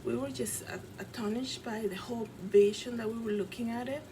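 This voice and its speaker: Recorded in her apartment with clear background noise, a Dominican woman who vlogs and designs fashion earnestly relates a dream, rambling casually and using plenty of fillers. She has a Dominican accent and a slightly high, steady voice at a fairly quick pace.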